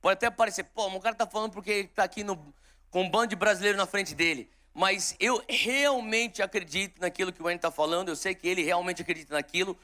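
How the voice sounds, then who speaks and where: A man's voice: high voice, fast talker, bright, forceful tone. A man in his forties from São Paulo with a São Paulo Brazilian Portuguese accent, preaching a live sermon and leading prayer with fervent exhortations and frequent restarts. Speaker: pastor. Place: large church auditorium with live audience.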